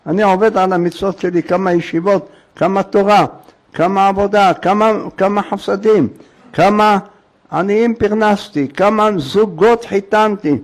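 A man voicing a proud, pious old man who protests in quick outbursts. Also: high voice, close to an everyday voice. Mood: indignant.

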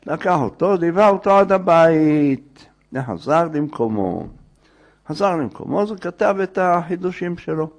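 A man telling a folk tale aloud in a lively, digressive way, acting out the characters. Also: on the high side. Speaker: storyteller. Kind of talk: oral folk tale storytelling.

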